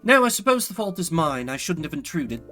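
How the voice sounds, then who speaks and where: Man voicing reserved game prosecutor, formal, courteous, quietly concerned, bright voice, music faintly behind. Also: a little high, big pitch swings. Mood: polite, concerned. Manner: formal, measured politeness. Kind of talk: visual novel game acting.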